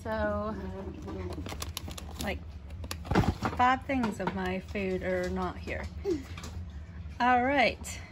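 A woman showing off her groceries in a casual home vlog, chatty and unhurried, with frequent ums. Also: medium pitch, heavy background noise. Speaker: vlogger, mother. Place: home kitchen.

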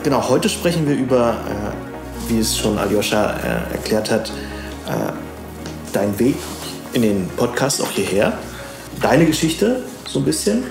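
Co-host: man, gravelly and lively, hesitant questions, echoey, faint music. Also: mid-range voice, unhurried. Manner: hesitant, many fillers. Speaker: volunteer co-host. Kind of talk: interview questions.

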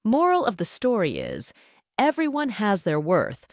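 A woman narrating a scripted bedtime story for children in an even, gentle storybook reading manner. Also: medium pitch, a little slow, no echo, clean studio sound.

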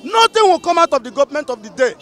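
A man's voice: very high voice, sing-song, fast talker, a bit bright, soft background music. A middle-aged man with a Nigerian accent speaking indignantly in a street interview, firing off rhetorical questions. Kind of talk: heated street opinion. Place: busy city street outdoors. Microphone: handheld mic held by interviewer.

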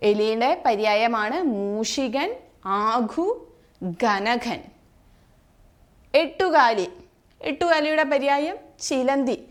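A woman exam coach teaching synonyms, repeating each word and quizzing her listeners with questions. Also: fairly high pitch. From Kerala. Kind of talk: Malayalam vocabulary lesson.

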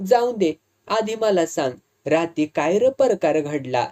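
A man plays a calm village elder in a storybook tale who soothes tempers and asks what happened. The voice is warm, mellow and a little high, with an even, questioning manner. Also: measured pace. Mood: soothing.

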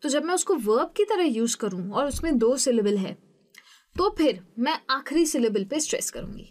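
A young woman teaching an English lesson, explaining patiently step by step and saying example words slowly. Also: high voice, expressive, darkish tone.

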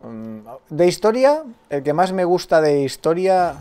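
A man's voice: fairly high pitch, very animated, a little slow, warm tone, clean tone. A man from Spain with a Spanish accent, streaming a game live, swearing often and chatting with his viewers. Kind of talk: live gameplay commentary.

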